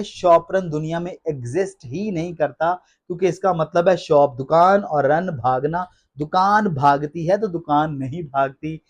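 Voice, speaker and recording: A man teaching English pronunciation, repeating each word slowly and with emphasis. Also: sits high. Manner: repeats words slowly and emphatically, addresses listeners as friends. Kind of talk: classroom-style explanation in Hindi.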